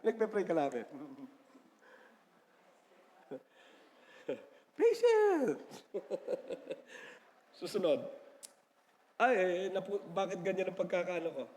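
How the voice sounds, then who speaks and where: A man with a notably high voice preaches to his congregation, joking with them and checking in with a quick "amen?". His delivery is chatty and loose, and he slips into English when defining words. The sermon rings out with a long church-hall reverb. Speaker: pastor. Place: church sanctuary.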